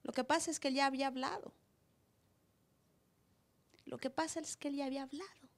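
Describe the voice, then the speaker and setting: A woman pastor preaching a sermon live in church, acting out voices with sudden loud cries. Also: high-pitched, steady tone, a little fast.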